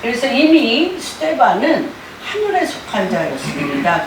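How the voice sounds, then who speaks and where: A woman pastor preaching a sermon in a church, with animated delivery that rises to loud exclaimed quotes. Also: sits high, slight background noise. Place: church sanctuary. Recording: roomy sound from a distant mic.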